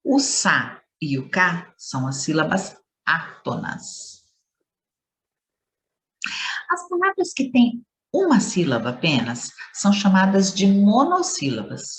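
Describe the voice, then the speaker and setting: A woman's voice: lowish voice, huge pitch swings, slow pace. A woman teacher giving a playful lesson to schoolchildren, stretching words and leaning hard on stressed syllables.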